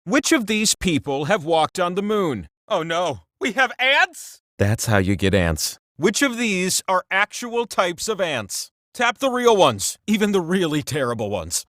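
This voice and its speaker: A man's voice: sits high, big pitch swings, unhurried, few pauses, a bit bright, no echo, clean studio sound, heavily acted. A man voicing a cheeky, vain giant talking wheel that hosts a comedic trivia video game with theatrical, mock-grand sarcasm. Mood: playful, teasing. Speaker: quiz game host. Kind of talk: comedic game show hosting.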